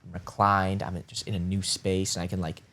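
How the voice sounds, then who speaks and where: A man's voice: low voice, little pitch movement, brisk, a bit bright. A man in his early twenties co-hosting a podcast, chatting in a rambling, laid-back way with lots of filler words. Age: early 20s. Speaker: podcast co-host. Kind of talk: casual chat.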